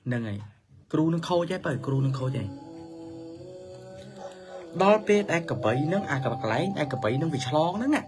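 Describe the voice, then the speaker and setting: Man telling a children's story over music. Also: a little high.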